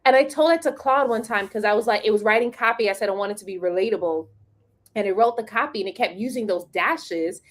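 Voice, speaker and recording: A woman hosting a casual live chat, sassy and animated, acting out what she says to the software. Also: on the high side, quick pace, few pauses. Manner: animated, sassy, acts out quotes. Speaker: host.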